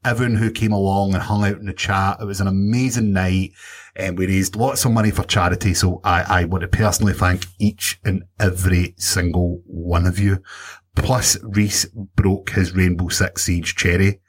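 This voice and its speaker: A man hosting a casual gaming podcast, introducing segments and thanking listeners in a steady, friendly way. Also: low voice, normal speed, breathy edge. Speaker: podcast host. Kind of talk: casual chat.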